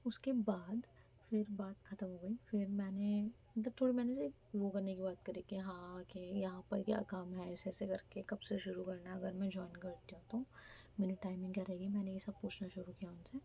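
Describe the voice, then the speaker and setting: A young woman from India telling a story in a casual vlog, chatty and animated, sometimes dropping to a half-whisper. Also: mid-range voice, fairly quick, creaky, husky, muffled recording. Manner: chatty, animated retelling with mimicry; speaks softly, half-whispering at times. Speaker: vlogger.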